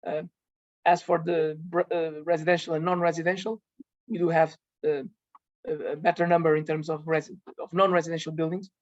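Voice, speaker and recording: A man giving a technical conference presentation, halting and full of ums and restarts. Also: on the high side, little pitch movement, no room sound. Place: conference event. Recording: dull lo-fi sound.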